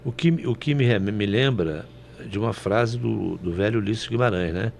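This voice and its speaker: A man's voice: on the low side, moderate pace, creaky, slight background noise. A man from Brazil commenting on politics on a panel show, folksy and anecdotal, often ending with "né?".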